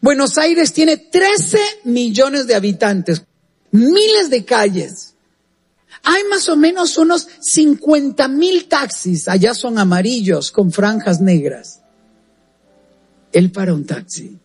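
Male presenter, high husky voice; earnest, animated testimony storytelling. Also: slow, faint music behind. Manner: earnest, animated retelling with direct asides to the listener. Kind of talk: storytelling testimony on a radio program.

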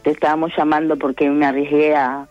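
A woman with a Uruguayan accent leaving a voicemail message, halting and shy as a radio host coaches her along. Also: low-pitched, level tone, lo-fi sound, faint music behind. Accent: Uruguayan Spanish. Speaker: caller.

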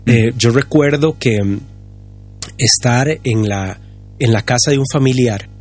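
A man's voice: medium pitch, a little slow, darkish tone, husky, soft background music. A man in his fifties from Costa Rica, a pastor and guest on a radio talk show, speaking reflectively with hesitations and repeated words. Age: 50s.

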